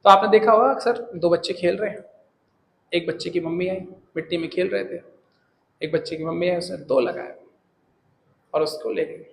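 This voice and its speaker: A man teaching, giving an earnest, animated motivational talk to his students. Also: high-pitched, moderate pace, vocal fry, pauses often, roomy sound, a little hiss or hum, poor audio.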